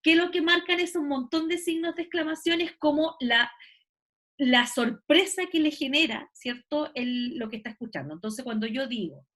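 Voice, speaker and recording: A woman's voice: high voice, expressive, normal speed, a bit bright. Woman teacher lecturing online. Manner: explanatory, checks understanding with "¿cierto?" and "¿ya?".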